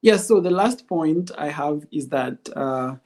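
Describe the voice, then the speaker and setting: Interview guest, male, Kenyan accent, fairly high voice, methodical explainer who restates key phrases. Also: animated, unhurried, a little mellow. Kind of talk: interview answers explaining legal arguments.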